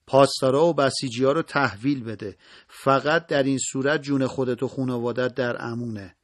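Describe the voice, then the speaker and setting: A man's voice: medium pitch, steady tone, dry recording, studio quality, natural voice. Man playing a harsh armed attacker. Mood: threatening. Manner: barking threats.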